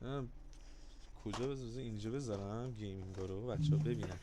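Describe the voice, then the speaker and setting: A man hosting a livestream giveaway in casual, joking chat. He swings between loud, drawn-out shouts and low, quick mutters. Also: fairly even intonation, heavy background noise.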